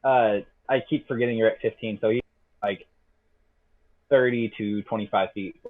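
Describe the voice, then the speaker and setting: A man's voice: lowish voice, fairly even intonation, normal speed. A man running a tabletop game as game master, hesitant and correcting himself, his voice cutting in and out over a call. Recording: tinny phone-like call audio.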